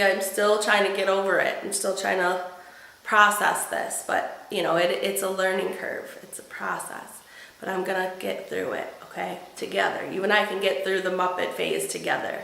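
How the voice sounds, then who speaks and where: A woman's voice: mid-range voice, vocal fry, a bit bright, reverberant, rough recording. A woman with a cold talking to camera about motherhood in a chatty, wry, self-mocking way. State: has a cold. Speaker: mom vlogger. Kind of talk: casual chat to camera.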